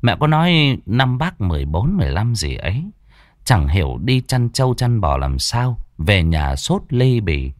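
A man, narrating a ghost story in a dramatic, expressive way. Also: on the low side, normal speed, dry recording, studio quality.

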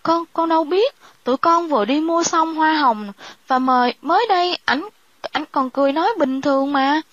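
A woman's voice: sits high, normal speed, fairly bright tone, muffled recording, voice pushed up. A woman voicing a panicky, stammering young woman. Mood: panicked.

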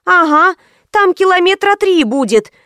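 A woman's voice: extremely high pitch, normal speed, no room sound, clean studio sound, voice pushed up. Woman doing a squealing hysterical young woman. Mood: whiny squealing. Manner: squealing, whining.

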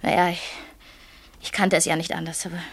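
A woman playing a restless young wife who feels trapped, speaking in hushed, urgent whispers in a radio drama. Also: lowish voice, level tone, a little fast, breathy edge. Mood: bitter. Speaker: lead actress in a radio play. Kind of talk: German radio drama acting.

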